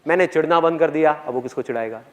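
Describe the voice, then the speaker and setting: A man with a high voice gives a motivational talk from a stage, turning his own story into a lesson. He tells it with animation and keeps putting questions straight to the audience. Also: fast talker. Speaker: motivational speaker. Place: on stage before a live audience.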